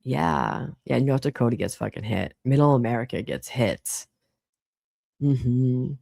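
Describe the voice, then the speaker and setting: Boston woman in her thirties hosting a live chat, blunt and foul-mouthed, with a gravelly voice recorded close and dry. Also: very deep voice, lively intonation, a little slow, warm tone, no echo. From Boston, Massachusetts. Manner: chatty, blunt, swears freely. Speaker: livestream host. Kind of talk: casual late-night live chat.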